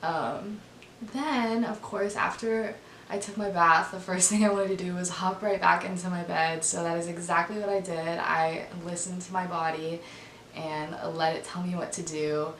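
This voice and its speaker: A young adult woman with a raspy voice, chatting casually and informally as she narrates a vlog, often saying "like". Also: on the low side, steady tone, moderate pace, fairly bright tone, roomy sound, slight background noise. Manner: informal, frequent "like". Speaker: vlogger.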